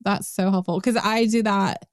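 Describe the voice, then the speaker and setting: A woman's voice: medium pitch, steady tone, normal speed, clear, resonant tone, dry recording, studio quality. A middle-aged woman hosting a podcast interview, chatty and laughing often, with many restarts and fillers. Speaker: podcast host. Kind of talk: casual interview chat.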